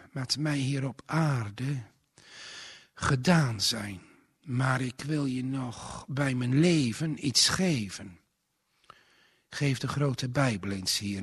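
A man voicing a frail, dying old gentleman who speaks slowly and tenderly, giving a pious blessing in solemn biblical language. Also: medium pitch, husky, dry recording, studio quality, exaggerated voice. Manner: slow, weary, blessing in solemn biblical phrasing.

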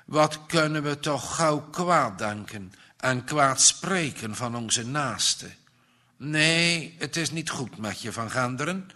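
Storybook: man as a low-voiced, rueful older man, bright tone. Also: animated, slow pace. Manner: low, self-reproaching. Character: remorseful older man, humble.

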